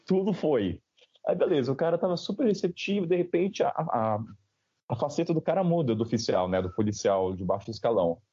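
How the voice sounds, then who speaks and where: A young Brazilian man tells his story at a rapid clip, slangy and animated, acting out the other people's lines. His voice is husky and mellow, heard up close in a dry, slightly dull recording. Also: medium pitch, dry recording. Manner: slangy, animated, with quoted dialogue. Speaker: podcast guest. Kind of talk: casual storytelling.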